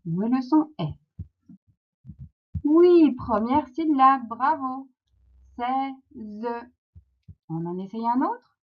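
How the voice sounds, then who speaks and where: A primary school teacher with a high voice and a French accent gives young children a phonics lesson, speaking slowly and clearly. She is encouraging and sounds out words syllable by syllable. The recording has a dull, lo-fi quality.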